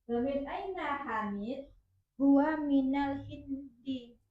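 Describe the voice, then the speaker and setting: A woman student reading practice dialogue aloud in a halting, careful way with restarts. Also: high voice. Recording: echoey muffled lo-fi sound.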